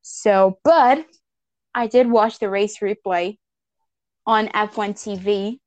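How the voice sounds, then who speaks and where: A woman co-hosting a podcast, chatting in an animated, playful way. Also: mid-range voice, no echo. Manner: animated, playful, quick laughs. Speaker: podcast co-host. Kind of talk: casual chat.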